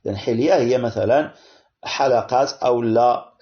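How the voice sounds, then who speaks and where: A man, teaching a grammar lesson to primary pupils, explaining patiently and often checking in with "hein?". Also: mid-range voice. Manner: switches between French and Arabic, explaining slowly with frequent "hein?" and "bien". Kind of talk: classroom-style grammar lesson. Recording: dull lo-fi audio.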